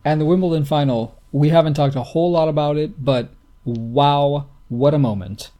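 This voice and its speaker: A man's voice: fairly high pitch, moderate pace, dark tone. A man co-hosting a tennis podcast in casual chat, matter-of-fact, rattling off lists. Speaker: podcast co-host.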